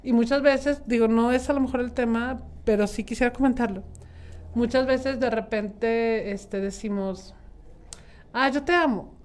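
Mexican woman in her 30s chatting casually, kinda high voice, thinks out loud w lots of fillers. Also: steady tone, measured pace. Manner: reflective, rambling with many fillers. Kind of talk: casual group chat.

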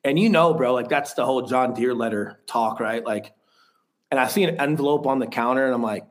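A man's voice: medium pitch, a little fast. A man in his thirties, a podcast guest, telling a personal story in a frank, rambling way with casual swearing.

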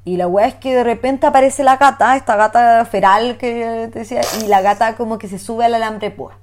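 A young woman with a Chilean Spanish accent, telling a story in animated, slang-heavy casual chat. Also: a little high, fairly quick.

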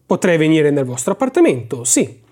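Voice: medium pitch, sing-song, brisk, darkish tone. A reader voicing a polite, eager male antique dealer who speaks deferentially in an audiobook. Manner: deferential, courteous.

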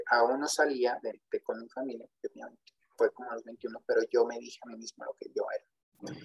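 A man's voice: medium pitch, low-quality recording. A man, a podcast guest sharing a personal faith testimony in an earnest, rambling storytelling way, often repeating himself and checking in with tag questions.

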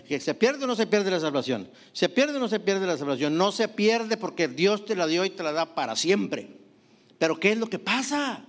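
Pastor preaching, fairly high voice. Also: male voice. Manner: preaching with rhetorical questions and frequent "hermanos" and "amén". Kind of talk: sermon.

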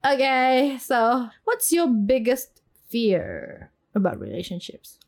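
A woman's voice: fairly high pitch, big pitch swings, takes it slowly. A woman co-hosting a podcast in casual chat, playful and teasing, laughing often. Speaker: podcast co-host.

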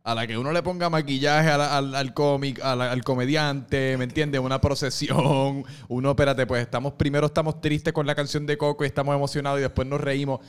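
A man's voice: medium pitch, steady tone, brisk, hardly any pauses, smooth. Laid-back Puerto Rican man reflecting on comedy. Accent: Puerto Rican Spanish. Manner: laughs along, then reflects on comedy. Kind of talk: casual chat.

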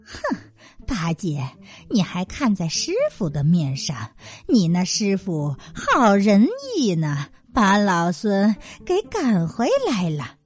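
Sun Wukong, a woman doing the gruff monkey king. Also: medium pitch, very animated, takes it slowly, soft background music, voice pushed down, full character voice. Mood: scolding haughty. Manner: scolding, boastful, snorting. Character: proud hot-tempered male monkey king. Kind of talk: children's storytelling.

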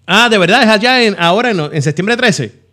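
High, fast, bright-voiced man. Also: expressive. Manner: enthusiastic, repeats his replies. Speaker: co-host. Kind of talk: upbeat radio-style banter.

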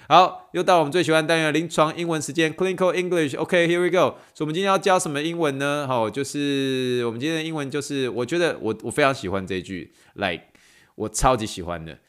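A man's voice: fairly high pitch, fast talker, fairly bright tone, smooth. A man hosting a podcast, tired from recording late at night, who teaches in a playful way and mixes in English phrases. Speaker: podcast host and athletic trainer.

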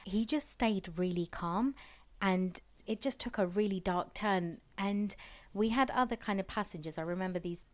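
A woman's voice: mid-range voice, moderate pace. A young woman telling a story in a casual, rambling way, with lots of fillers and restarts. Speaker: podcast host.

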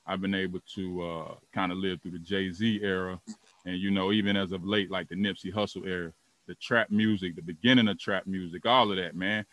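Asking questions in a laid-back, loose, rambling way full of fillers, a man in his thirties hosts a podcast as a casual interview. His voice sits low and is a bit bright, with fairly even intonation and a brisk pace, on a low-quality recording.

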